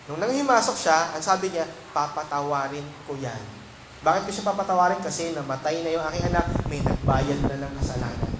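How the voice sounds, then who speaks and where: Filipino man, pastor, fairly high voice; asks the congregation questions as he preaches; echoey, noisy church recording. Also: fast talker, few pauses. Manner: asks the congregation questions, mixes English phrases into Tagalog. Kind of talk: sermon. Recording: echoey room with background noise.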